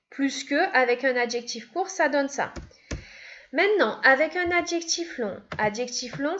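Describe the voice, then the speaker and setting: A woman teaching an English grammar lesson, patiently repeating each step. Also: on the high side. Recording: dull, lo-fi sound.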